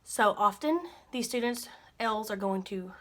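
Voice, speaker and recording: Friendly speech therapist modeling sounds. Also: female voice, mid-range voice, a little slow, a bit bright. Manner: demonstrates sounds with repeated modeled syllables. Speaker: speech-language pathologist. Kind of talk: instructional explanation.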